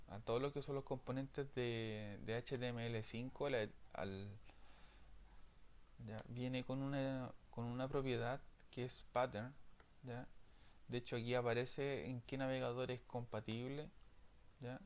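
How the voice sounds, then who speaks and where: A man's voice: medium pitch, fairly even intonation, unhurried, darkish tone. A man teaching programming in a screen-recorded lesson, checking in often with his students. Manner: frequent "¿ya?" check-ins, explanatory.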